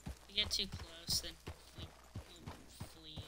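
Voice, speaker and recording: A woman's voice: lowish voice, steady tone, measured pace. A young woman streaming a game, chatting casually, swearing and talking to her horse. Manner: laid-back, swears, talks to her horse. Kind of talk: casual gaming chat. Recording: noisy stream audio.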